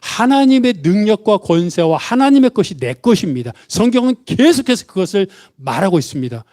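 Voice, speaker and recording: Male pastor, high-pitched, lively sermon, voices the characters he quotes. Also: fairly quick. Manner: asks the congregation questions and has them repeat after him; acts out the father's and son's words in quotes. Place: church.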